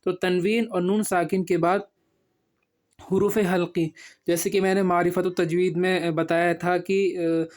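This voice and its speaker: A man teaching a reading lesson step by step. He patiently asks and answers his own questions and draws out each syllable slowly as he spells. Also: high-pitched, level tone, a little mellow.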